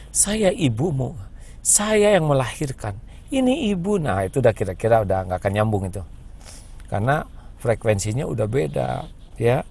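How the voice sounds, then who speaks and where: A man preaching a parenting sermon to a webinar audience, gentle and conversational, now and then acting out a mother's pleading voice in a higher pitch. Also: vocal fry.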